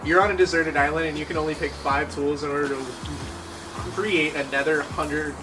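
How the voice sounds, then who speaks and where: A man with a fairly high voice reads questions in a casual, slangy interview style. He sounds some distance from the microphone, and music plays clearly underneath. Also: steady tone, brisk. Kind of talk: casual question-and-answer chat. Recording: off-mic, music behind.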